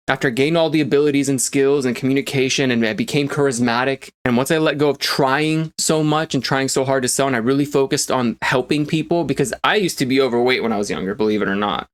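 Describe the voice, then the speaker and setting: A man speaking as a motivational coach in a casual, energetic monologue, emphatic and full of fillers, swearing now and then for emphasis. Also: mid-range voice.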